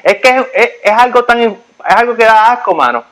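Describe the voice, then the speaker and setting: Animated high-voiced man telling stories. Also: a little fast, poor audio. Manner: animated storytelling, repeats himself. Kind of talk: casual chat. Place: United States.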